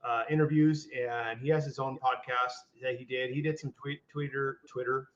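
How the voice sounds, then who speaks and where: A man's voice: medium pitch, flat delivery, normal speed. An older man co-hosting a podcast in casual chat, rambling with restarts and fillers. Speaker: podcast co-host. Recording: dull lo-fi audio.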